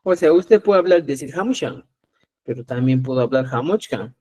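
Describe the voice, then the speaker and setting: A man from Peru teaching a live online class, patiently explaining and often checking understanding with a quick "¿ya?". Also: mid-range voice, mellow. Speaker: Quechua teacher.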